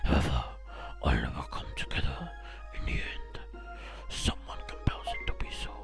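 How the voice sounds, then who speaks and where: A man voicing an ancient, wise male tree spirit in a deep, gravelly whisper, slow and solemn. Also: expressive, full character voice. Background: game music.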